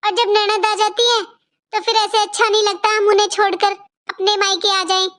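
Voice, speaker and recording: A woman voicing an outspoken young married sister in a cartoon, indignant and sharp-tongued. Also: extremely high pitch, level tone, moderate pace. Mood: chatty. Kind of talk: cartoon voice acting.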